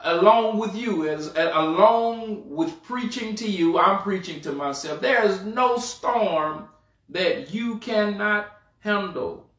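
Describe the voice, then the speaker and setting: A male pastor delivering a sermon, swelling on key words and sinking low at the ends of phrases. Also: a bit bright, roomy sound, recorded from a distance. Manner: preaching with rising and falling emphasis, dropping low at phrase ends.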